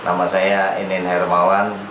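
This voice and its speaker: A man with a deep voice and a Jakarta-area Indonesian accent answers in a casual chat. He keeps replies short and tends to repeat them. The sound is roomy, with noticeable background noise. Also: monotone, moderate pace. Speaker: guest, firefighter and fire truck operator. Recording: echoey room with clear background noise.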